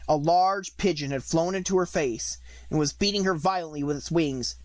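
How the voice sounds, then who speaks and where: A woman reading a storybook aloud as an audiobook narrator, in an expressive scripted style. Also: low-pitched, moderate pace, no room sound.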